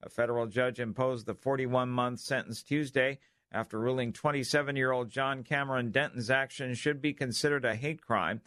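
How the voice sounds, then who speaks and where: A man's voice: medium pitch, steady tone, brisk, a bit bright, no room sound, studio quality. A man reading scripted news as a radio anchor.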